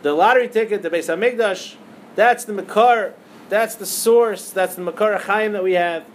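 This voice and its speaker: A man's voice: high voice, normal speed, slight background noise, rough recording. A man teaching a lesson on liturgical poems, telling a parable with rhetorical questions and many Hebrew terms. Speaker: Torah teacher.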